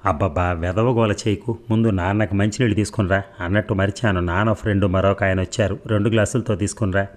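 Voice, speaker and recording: A man's voice: sits low, fairly even intonation, quick pace, lightly acted. A man reading the lines of a polite young married son in a told story.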